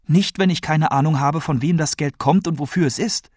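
A man voicing a worried, insistent woman who keeps questioning a boy, with a raised, husky voice. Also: a little high, normal speed, a little mellow, no echo, studio quality, pitched above the performer's own voice, natural voice. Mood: probing, upset. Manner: pleading, probing questions.

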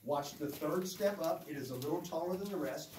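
A man's voice: on the high side, a little fast, a little mellow. A man working as a tour guide, narrating informally to a group in a folksy storytelling way with courteous directions. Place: underground cavern with narrow passages. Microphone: visitor's handheld phone, several metres away. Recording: echoey cave, distant phone mic, faint noise.

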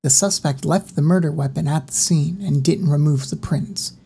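Woman reading a horror audiobook, dark mellow voice, even and unhurried. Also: low-pitched, slightly rough. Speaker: audiobook narrator.

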